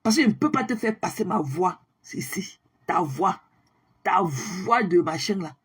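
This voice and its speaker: A woman's voice: lowish voice, animated, measured pace, husky. A young woman livestreaming a scornful, taunting rant at her critics, slipping in English phrases. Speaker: social media livestreamer. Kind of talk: ranting monologue to viewers.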